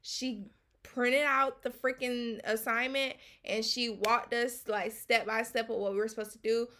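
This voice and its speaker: A woman's voice: fairly high pitch, little pitch movement, a little slow, bright, forceful tone, a little hiss or hum. A young American woman co-hosting a podcast, talking casually and venting in everyday slang. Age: young adult. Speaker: podcast co-host, student.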